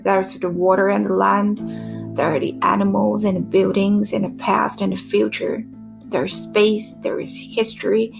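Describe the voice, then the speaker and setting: A woman voicing a frail, dying male writer who speaks in a soft, half-whispered, weary and rambling way. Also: medium pitch, vocal fry. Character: frail dying middle-aged male writer, self-deprecating.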